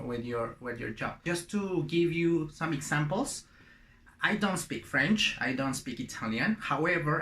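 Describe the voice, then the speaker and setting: A man's voice: medium pitch, sharp tone. Man teaching in an echoey room. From Latin America. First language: Spanish. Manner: encouraging, repeats words and phrases for practice. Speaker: language teacher. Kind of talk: casual spoken lesson. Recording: roomy echo.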